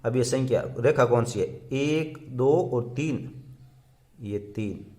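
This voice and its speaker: Slow, patient male math teacher. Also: medium pitch, mellow. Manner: counts aloud slowly, repeats each step. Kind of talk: slow step-by-step math lesson.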